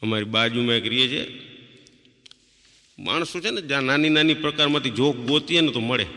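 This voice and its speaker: A man's voice: medium pitch, fairly quick, bright, forceful tone. A man doing stand-up comedy, telling funny stories and acting out the people in them. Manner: storytelling, acting out quoted people. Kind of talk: live stand-up joke telling. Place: stage before an audience. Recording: live stage recording with long reverb.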